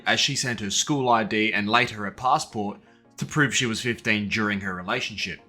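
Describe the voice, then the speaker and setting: A man with a lowish, bright, forceful voice narrates a scripted exposé, casual, blunt and profane. He throws sardonic asides straight at the person he's exposing, addressing his target directly.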